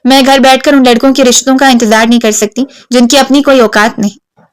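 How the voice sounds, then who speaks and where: A proud, stubborn young woman who fires back sharp, defiant answers, read by a woman narrator. The voice is fairly high, smooth and clear, with a dry studio sound. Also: steady tone, no room sound, lightly acted.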